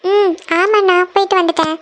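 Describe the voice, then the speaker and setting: Lady doing a nosy lil schoolgirl sis, super high squeaky voice, dry sound. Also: steady tone, a little fast, no echo. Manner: prying, insistent questioning. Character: curious schoolgirl little sister, nosy and teasing. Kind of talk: cartoon voice acting.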